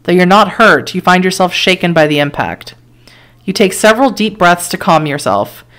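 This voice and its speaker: Her pitch is fairly low, yet her intonation stays lively and her tone a little bright. She's a streamer voicing an interactive horror tale, tossing in surprised comments and laughs while deciding between options.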